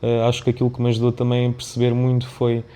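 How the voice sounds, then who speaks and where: A founder and CEO on a podcast races along in a warm, medium-pitched voice with completely flat delivery. His accent is European Portuguese; he was born in Mozambique and has an Indian family background. He speaks reflectively and discursively, repeatedly checking in with a tag question.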